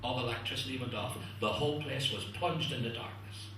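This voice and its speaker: A man doing stand-up one-liners in a club, chatting to the audience as ladies and gentlemen. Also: mid-range voice, fairly quick, a little hiss or hum. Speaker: stand-up comedian. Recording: echoey club from a distance. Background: audience laughter.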